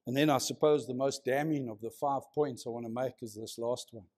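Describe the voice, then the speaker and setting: A man's voice: mid-range voice, fairly even intonation, brisk, a little mellow. A man preaching a conversational sermon to a congregation, prodding them with questions. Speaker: pastor. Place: church, before a congregation.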